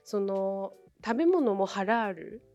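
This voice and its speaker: A woman's voice: mid-range voice, expressive, slow pace, mellow, muffled recording, faint music behind. A young woman from Inner Mongolia whose first language is Chinese, answering interview questions politely with many hesitant fillers. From Inner Mongolia, China. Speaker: interview guest, former international student.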